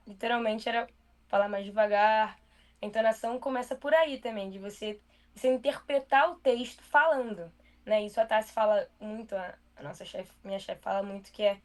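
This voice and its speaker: Young brazilian woman, journalist, chats fast and loose w lots of fillers, kinda high voice. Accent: Brazilian Portuguese. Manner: fast, casual talker with many fillers. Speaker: journalist guest. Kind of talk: casual interview chat.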